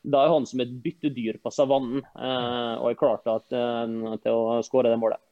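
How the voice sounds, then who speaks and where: A man's voice: mid-range voice, little pitch movement. A male football coach chatting on a podcast, stopping often on filler sounds before giving blunt judgments. His voice comes through a little muffled and lo-fi. The sound is dry, with no room echo. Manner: hesitant, many filler sounds, blunt verdicts. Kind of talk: casual podcast chat.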